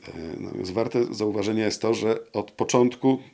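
A man in his sixties with a deep, gravelly voice gives a long, careful account as an interview guest. He hesitates a lot, filling gaps with drawn-out sounds. The sound is close and clean from a lapel mic in a studio room. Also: darkish tone. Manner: hesitant, many drawn-out "e" fillers. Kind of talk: measured historical explanation. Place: wood-panelled studio room with brick wall.

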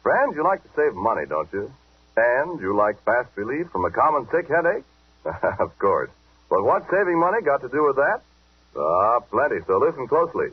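An old-time radio announcer from the 1940s, coaxing listeners in a warm, salesman's patter. His voice is husky and swings up and down with easy enthusiasm. It sounds thin and boxy, like a vintage broadcast heard over a phone-narrow line. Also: medium pitch, big pitch swings, moderate pace. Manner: chummy, persuasive salesman patter. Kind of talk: 1940s radio commercial pitch.

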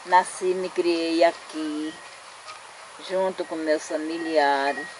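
Woman in her sixties, village leader, very slow measured speech, lowish voice, faint outdoor ambience. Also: fairly even intonation, a little hiss or hum, poor audio. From Ceará, Brazil. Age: 60s. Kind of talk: documentary interview. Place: outdoors on a shaded dirt clearing.

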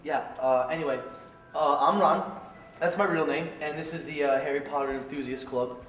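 A man's voice: on the high side, normal speed, a bit bright, lightly acted. A man playing an awkward wizard fan with a fake British accent. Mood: eager. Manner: hesitant, filler-heavy. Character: nerdy young male wizard fan, awkward. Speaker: fan club member. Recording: echoey room, mic far off. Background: background music.

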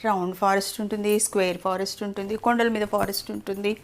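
A woman, a mother, telling a children's story in a playful, sing-song, animated way. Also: mid-range voice, fast talker.

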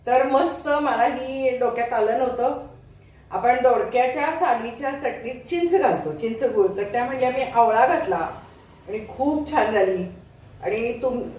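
A middle-aged woman talks easily and directly to her viewers as she cooks in her home kitchen. Her voice sits a little high, and the room gives it a noticeable echo. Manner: chatty, addresses viewers directly. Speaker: home cooking vlogger. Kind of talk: casual chat to viewers while cooking. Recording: roomy echoing home room.

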